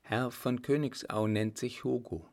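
A man voicing a timid, polite young woman who speaks softly and pleadingly, raised above his own low voice. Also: steady tone, unhurried, close to an everyday voice. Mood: anxious, polite. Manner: soft, pleading, formal.

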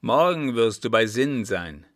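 A man voicing a proud, angry desert sheik who speaks loudly and harshly, giving orders. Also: medium pitch, lively intonation, normal speed, no echo, studio quality, close to an everyday voice. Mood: angry, scornful. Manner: loud, harsh and commanding.

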